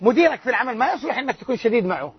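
Husky high-voiced sheikh teaching fast. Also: male voice, expressive, no echo. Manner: loud-voiced, quizzes the audience with rhetorical questions. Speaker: sheikh teaching a hadith class. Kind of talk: religious lesson. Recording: dull lo-fi lecture recording.

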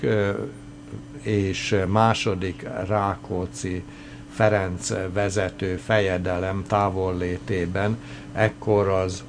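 A male radio host presenting history notes, pausing often with filler sounds and restarting phrases. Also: lowish voice, a little hiss or hum.

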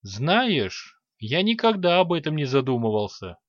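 A man reading an audiobook, voicing a calm, naive male hermit sage who speaks slowly and with mild amusement. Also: fairly high pitch, no room sound. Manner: calm, slow, mildly amused. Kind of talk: audiobook character voice. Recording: dull dry recording.

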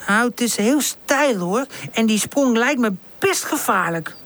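Timid little girl puppy, as a woman puts her on, high hesitant voice, slow, storybook. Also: expressive, a bit bright. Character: sweet, cautious young female puppy.

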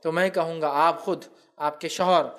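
A man with a high, light voice gives a religious talk in on raising children. He drops into his speech and slips into quoted family members to make his points. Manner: acts out quoted family members in lively asides. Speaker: Islamic speaker.

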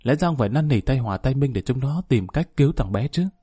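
A man voicing an anxious middle-aged mother who talks in a hushed, urgent way. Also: mid-range voice, animated, quick pace, slightly rough.

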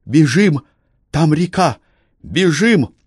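A woman's voice: sits low, measured pace, a little mellow, no echo, voice pushed up. A man voicing a distraught young woman on the run, talking urgently and close to tears in an audiobook. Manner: urgent, breathless pleading.

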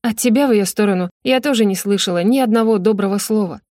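A woman's voice: medium pitch, quick pace, a little mellow, no room sound, clean studio sound, close to an everyday voice. A woman voicing a young castle maid who sounds defensive and flustered.

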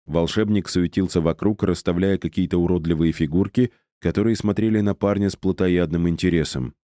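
A man narrating an audiobook with even, deliberate storytelling. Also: deep voice, dry recording, studio quality.

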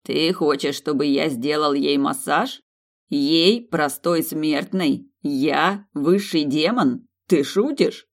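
Vain high demon man, pompous and easily offended, as the narrator puts him on. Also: slow, creaky. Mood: indignant. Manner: indignant and pompous. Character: proud male high demon, vain genius.

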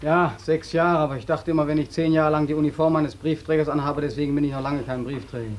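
An actor playing an exhausted young soldier back from the war in a 1940s radio drama, speaking with weary, bitter irony. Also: male voice, fairly high pitch, fairly even intonation, fast talker, natural voice. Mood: ironic. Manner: bitterly ironic, weary, repetitive address.

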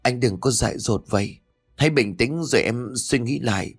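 A man's voice: medium pitch, moderate pace, husky, faint music behind. A man doing a naive defiant young woman. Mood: pleading. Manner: pleading, then crying out defiantly.

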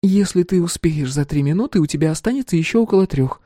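A man's voice: fairly high pitch, expressive, fast talker, mellow, no echo, pitched above the performer's own voice. A man reading an audiobook gives voice to a fretful, teasing young wife, in a dry studio sound. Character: anxious, sharp-tongued young wife. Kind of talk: audiobook character voice.

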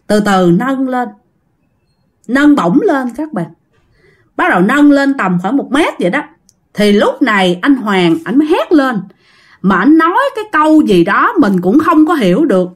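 Chatty Southern Vietnamese woman telling ghost stories. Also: mid-range voice. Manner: chatty, many filler particles. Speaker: storyteller. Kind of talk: ghost story narration to listeners.

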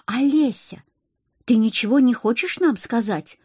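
A woman reading an audiobook, voicing a stern male commander who speaks with deceptive calm. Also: fairly high pitch, unhurried, husky, no room sound, clean studio sound. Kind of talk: audiobook character voice.

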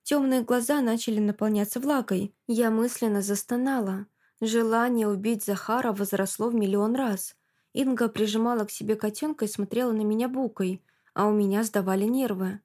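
A woman narrating a novel in first person, with a measured, sardonic delivery. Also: a little high, fairly even intonation, dark tone. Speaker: audiobook narrator.

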